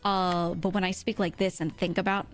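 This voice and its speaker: Her pitch fairly low and mostly flat, this livestream host talks at a moderate pace into a close streaming mic, her voice thin. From the US East Coast, she rambles casually and animatedly, giggling as she responds to viewers' comments, with music behind her.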